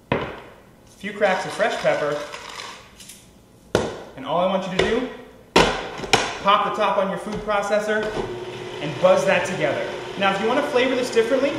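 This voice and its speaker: A man's voice: high voice, very echoey, noisy background. A young man hosting a cooking show, chatty and playful, talking straight to viewers as he demonstrates recipes. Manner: chatty, playful and upbeat, addressing viewers directly. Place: kitchen.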